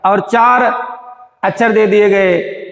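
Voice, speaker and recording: Man, grammar teacher, high-pitched voice, demonstrates vowel sounds aloud, roomy reverberant recording. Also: steady tone, slow pace, gravelly. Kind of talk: classroom lesson explaining vowel sounds. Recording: echoey room with long reverb.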